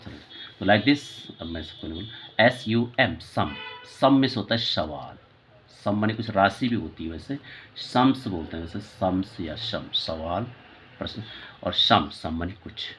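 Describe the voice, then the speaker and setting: A man's voice: low-pitched, lively intonation, measured pace, a bit bright, a little hiss or hum. A man teaching English vocabulary, mixing Hindi and English, spelling words out letter by letter and often correcting himself. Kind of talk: classroom lesson in Hindi and English.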